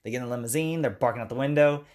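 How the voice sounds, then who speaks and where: Male podcast co-host, mid-pitched, casual recapper who acts out quotes. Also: a little mellow. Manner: retells scenes at length, acting out lines in quick character voices. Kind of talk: casual chat.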